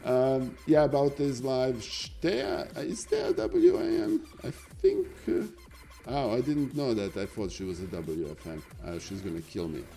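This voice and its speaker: A man's voice: medium pitch, big pitch swings, a little slow, creaky, warm tone. A middle-aged man with a Serbian accent gives chatty live-stream commentary on chess games, full of fillers and asides to viewers.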